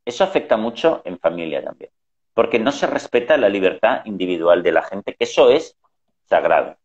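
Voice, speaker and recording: A man's voice: lowish voice, lively intonation, normal speed. A middle-aged man telling family anecdotes in casual conversation, acting out the voices he quotes. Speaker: guest. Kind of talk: conversational storytelling. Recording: dull lo-fi sound.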